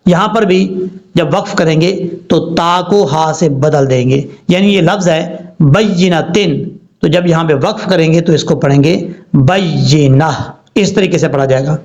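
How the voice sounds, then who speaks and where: A man teaching Quran recitation rules with a Pakistani Urdu accent, spelling out words slowly, letter by letter. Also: fairly high pitch, darkish tone. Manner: slow, deliberate letter-by-letter spelling. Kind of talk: spelling-out tajweed lesson. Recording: dull lo-fi recording.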